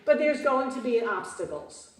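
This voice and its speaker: A woman in her fifties giving a motivational keynote to a conference audience, animated and prompting the crowd with frequent questions. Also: high voice, moderate pace. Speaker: keynote speaker. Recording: roomy hall, distant mic.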